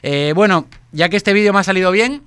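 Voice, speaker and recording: Clear, higher-voiced Spanish male host. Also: brisk, fairly bright tone, no echo. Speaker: sports show host. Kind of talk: conversational sports commentary.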